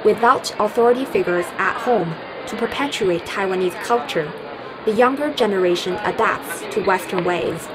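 A woman reading scripted documentary narration in a measured, even way. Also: medium pitch, background noise. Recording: voice-over with loud music behind.

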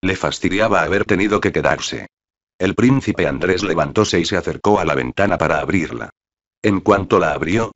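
Very deep-voiced man narrating an audiobook. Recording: dull lo-fi recording.

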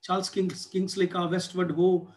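A man's voice: sits high, level tone, quick pace. A man from India lecturing on English literature for exam preparation, switching between Hindi and English with an Indian accent and frequent fillers.

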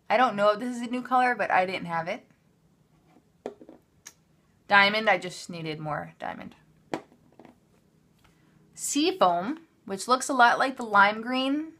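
Her mid-range voice comes across pushed and bright, with slight background noise in the clip. Indoors at a craft table, the craft haul vlogger chats offhandedly through an unscripted show-and-tell, breaking into her own sentences as she displays her items.

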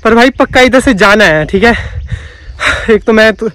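A young adult vlogger talks excitedly into his phone camera held at arm's length, constantly calling his friend bhai and joking through a cave challenge at a normal pace. His voice is high for a man. The casual challenge vlog is shot on a green hillside and inside a cramped cave.

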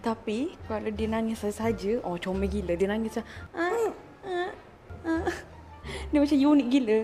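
A woman's voice: a little high, brisk, few pauses, mellow. A young woman with a Malaysian Malay accent, a mother chatting casually in a family vlog and soothing her baby. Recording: music playing over the talk.

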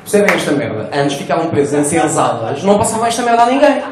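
A male stand-up comedian with a European Portuguese accent, doing crude, animated crowd work on stage. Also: a little high, fast, very noisy. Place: comedy stage before a live audience. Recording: roomy live venue with laughing crowd.

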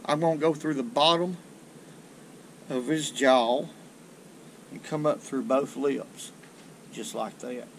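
Speaking slowly with long pauses and vocal fry, this fishing channel host keeps a steady tone in a medium pitch. He's an older man with a drawl, explaining tackle in a loose, folksy way from a small river boat. The rough recording, made on an action camera aboard, carries slight background noise.

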